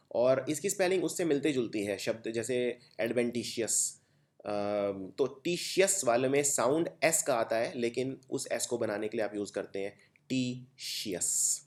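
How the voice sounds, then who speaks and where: A young man with an Indian accent teaching exam vocabulary, explaining step by step and spelling words out letter by letter. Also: medium pitch. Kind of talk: exam-prep vocabulary lesson.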